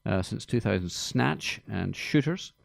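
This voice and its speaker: A man's voice: lowish voice, animated, unhurried, vocal fry, no echo. A man hosting a film podcast in a studio, chatting in a jokey, rambling way with many fillers. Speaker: podcast host. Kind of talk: casual chat about film music.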